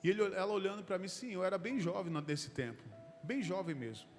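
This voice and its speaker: A man's voice: high voice, brisk. A middle-aged man, preaching a storytelling sermon and calling his listeners brother. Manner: lively anecdotal, addresses listeners as brother. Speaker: pastor. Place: church hall. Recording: reverberant hall with background music.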